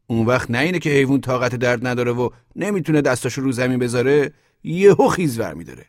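A man voicing a rough, bossy street sweeper who talks in coarse everyday slang. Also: medium pitch, animated, dry recording, studio quality, pitched above the performer's own voice, lightly acted. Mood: insistent. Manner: coarse colloquial, insistent.

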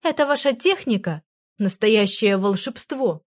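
Lady doing a squeaky cheeky fairy girl, perky and proud, storybook voice. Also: lively intonation, a little slow. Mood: amazed. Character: small cheeky female fairy, proud and fussy.

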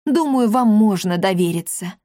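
Brief: sly storybook tomcat, panicky and quick, a woman doing the voice, in a dry close sound. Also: medium pitch, expressive, mellow, no echo, close to an everyday voice. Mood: confiding. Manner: pleading and fast when scared. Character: talking male cat, frightened, sly schemer.

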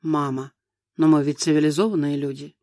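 A man voicing a weary, passive young husband in an audiobook, speaking flatly and tiredly. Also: fairly high pitch, brisk, no echo, clean studio sound, natural voice. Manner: flat, tired, indifferent.

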